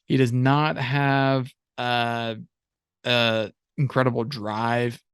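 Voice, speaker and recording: A man's voice: mid-range voice, level tone, drawn-out words, a bit bright, clear, resonant tone, dry recording, studio quality. A young man co-hosting a football podcast, talking casually and sarcastically with lots of fillers. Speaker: podcast co-host.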